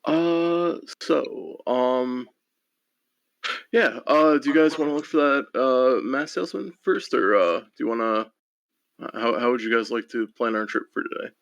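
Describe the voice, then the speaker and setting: Hesitant, gravelly-voiced man. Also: medium pitch, a little slow, no echo. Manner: hesitant, many fillers. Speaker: player. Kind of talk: casual tabletop game talk.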